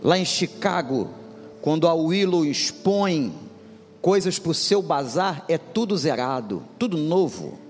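Speaking slowly at a fairly high pitch with lively intonation, a male pastor gives an animated, humorous storytelling sermon aimed directly at his congregation. The recording has long hall reverb and music in the background.

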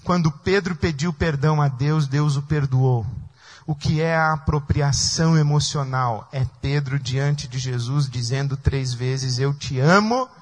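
Man, pastor, emotional sermon, acts out quoted voices, high pitch. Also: a little slow.

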